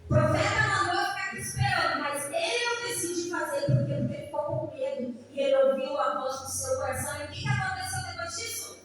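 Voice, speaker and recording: A middle-aged Brazilian woman with a Brazilian Portuguese accent preaches a sermon in a church hall, animatedly calling out to the congregation and singing out some phrases. Her very high-pitched voice is brisk with hardly any pauses. The recording is echoey from a distant mic, with faint noise and faint music behind.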